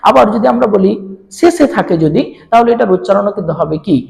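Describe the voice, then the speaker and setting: A teacher giving an online pronunciation lesson, asking questions and answering them himself, and slowly repeating example words. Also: mid-range voice, lively intonation, vocal fry, a little mellow, in a large hall, low-quality recording.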